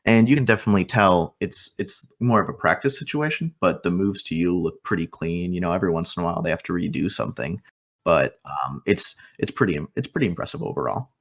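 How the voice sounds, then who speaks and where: A man narrating as game master, in a relaxed, loose and chatty way. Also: low voice, quick pace, vocal fry.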